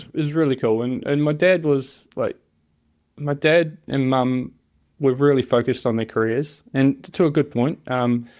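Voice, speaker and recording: A New Zealand man with a New Zealand accent, a job shop machinist, talks casually and hesitantly as an interview guest, rambling through personal stories. His voice is medium in pitch and a little mellow.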